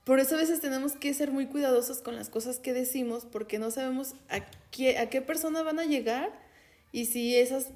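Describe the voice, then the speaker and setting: A woman's voice: sits high, brisk, darkish tone. A woman with a Jalisco Mexican accent, talking in a thoughtful, reflective way in a casual conversation and often restarting her phrases as she works out her point. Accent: Mexican Spanish, Jalisco.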